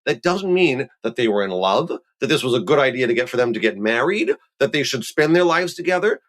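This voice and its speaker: Animated rabbi making his case. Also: medium pitch, a little fast. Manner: animated, emphatic, argues with examples. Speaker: rabbi guest. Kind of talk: podcast discussion.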